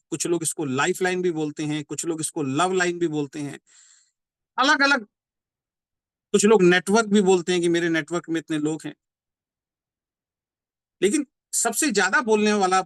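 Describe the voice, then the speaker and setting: A man giving a motivational business training talk. He explains by repeating points and asking rhetorical questions, and says key slogans slowly. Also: sits high, no room sound. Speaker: network marketing trainer.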